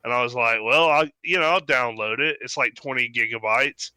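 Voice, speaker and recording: Animated man with a bright, crisp voice. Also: medium pitch, moderate pace, no room sound, low-quality recording. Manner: animated, swears freely, mimics voices when telling stories. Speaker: podcast co-host. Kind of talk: casual chat.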